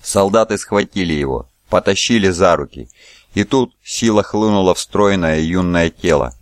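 A man with a very low, deep voice reads a novel aloud in an even, measured way. The sound is dry and close, with no room around it. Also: no room sound. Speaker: audiobook narrator. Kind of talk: scripted narration.

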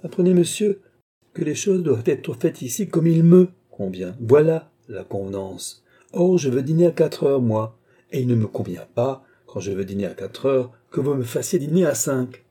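A man's voice: medium pitch, expressive, normal speed, warm tone, husky. A man voicing a proud, imperious marshal of eighty-eight who scolds his servant in haughty, curt orders, read as an audiobook character.

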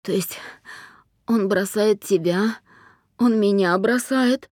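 A woman's voice: expressive, dry recording, clean studio sound. A woman voicing a distraught young adult daughter who accuses her father and breaks into sobs, in an audiobook. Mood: indignant. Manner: shrill, rapid, breaking into sobs.

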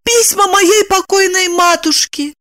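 A woman voicing a desperate, naive young woman in love, with shrill, pleading exclamations. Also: unhurried, bright, forceful tone, exaggerated voice. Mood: earnest. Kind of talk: audiobook narration with voiced characters.

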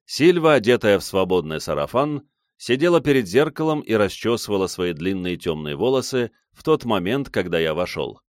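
Low-voiced male audiobook narrator, dry. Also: sing-song, normal speed, dry recording. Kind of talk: first-person scripted narration.

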